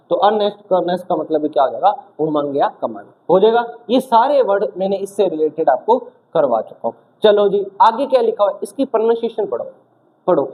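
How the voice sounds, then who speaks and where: Man, tutor, high voice, quizzes the class and answers himself, repetitive, lo-fi telephone-quality sound. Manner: repetitive, asks and answers his own questions. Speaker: vocabulary teacher. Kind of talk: exam coaching lesson. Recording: tinny phone-like sound.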